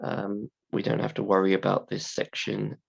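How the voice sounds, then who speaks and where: Male lesson presenter, lowish and animated, hoarse with creaky starts, deliberate wording for learners, slightly dull recording. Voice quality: croaky, creaky voice. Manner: simple, deliberate phrasing for learners, emphatic. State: hoarse, croaky from a sore throat. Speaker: university English teacher. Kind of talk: scripted-slide lesson explanation.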